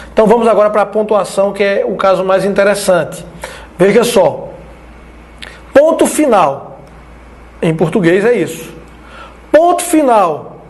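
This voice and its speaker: A man from Brazil teaching an online Biblical Greek lesson, explaining slowly and checking in with his listeners as he writes on the screen. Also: high-pitched, a little mellow.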